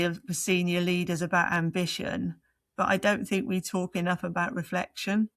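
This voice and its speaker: A woman leadership coach answering interview questions in a reflective way, pausing often as she searches for her words. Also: fairly low pitch, dry recording.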